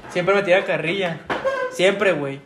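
A young man with a Mexican accent, co-hosting a podcast and eagerly telling school stories. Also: sits high. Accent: Mexican Spanish. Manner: fast, eager storyteller who hushes the others. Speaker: podcast co-host. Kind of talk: casual storytelling. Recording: echoey room, faint noise.

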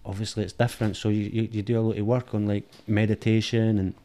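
Fast-talking and mellow, a middle-aged Scottish man with an Edinburgh accent speaks in a lowish voice with a flat delivery. He's a film director appearing as a guest, thinking aloud frankly and repeating words as he looks for them, captured on a dynamic studio mic.

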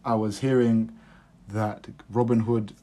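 A man's voice: fairly low pitch, flat delivery, a little slow, mellow. A young man with a London accent hosting a podcast, chatting casually in roadman slang. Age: young adult. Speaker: podcast host. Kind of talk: casual chat.

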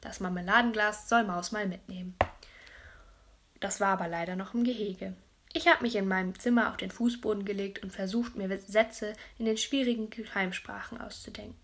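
A woman narrating a children's audiobook as a young girl telling her own story. Her telling is lively and chatty, with a mid-range voice. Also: medium pitch, a little fast. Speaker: audiobook reader.

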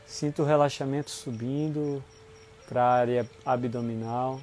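A man with a Brazilian Portuguese accent leads a guided relaxation in a soothing, unhurried manner, leaving long pauses between short phrases. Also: medium pitch, steady tone, a little mellow, soft background music. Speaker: guided meditation instructor. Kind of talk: guided body-scan relaxation.

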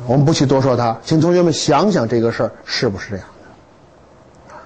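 A man lecturing to students in a lively, humorous way, with stories and rhetorical questions. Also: mid-range voice, quick pace, husky, poor audio.

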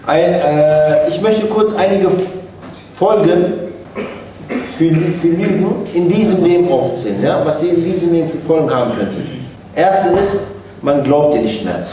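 A man's voice: on the high side, lively intonation, unhurried, warm tone, recorded from a distance, slight background noise. Man preaching in an echoey room. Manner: conversational, asks the audience questions, often adds "ne?". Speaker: religious teacher. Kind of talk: sermon.

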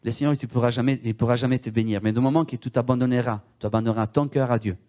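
A man whose first language is Italian preaches a sermon in French with a strong Italian accent, emphatic and repetitive, often asking his listeners questions. His mid-range voice has a warm tone and fairly even intonation, and he speaks rapid-fire.

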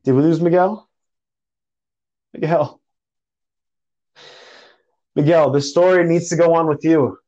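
A young man telling a story in a casual podcast chat, animated and slangy, calling people bro and dude. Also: on the high side, takes it slowly, pauses often, dull audio.

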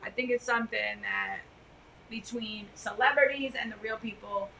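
A middle-aged woman co-hosts a casual podcast from a couch, talking loudly and emphatically. Her voice is bright and a touch high. A faint hiss of room noise sits under it. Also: moderate pace, creaky, poor audio. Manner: loud, chatty and emphatic. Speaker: podcast co-host. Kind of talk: casual chat.

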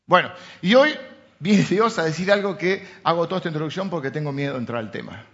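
A man with a Rioplatense Spanish accent preaching a sermon as pastor, swinging from loud emphatic lines to soft intimate asides. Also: fairly high pitch, expressive, fast. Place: church. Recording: slightly dull lo-fi sound.

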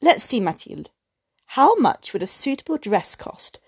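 A woman's voice: fairly high pitch, big pitch swings, measured pace, a little mellow, slightly rough, dry recording, full character voice. Eager-to-please husband, voiced by a woman storyteller, stammering and coaxing, dry close sound. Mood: pleading. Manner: stammering, pleading. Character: anxious, eager-to-please clerk husband, male.

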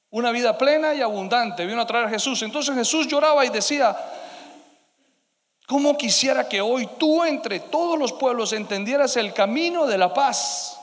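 Preacher guy, high voice, goes loud then hushed, long echoey hall. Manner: dynamic preaching, swinging between loud emphasis and hushed asides. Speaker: pastor. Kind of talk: sermon.

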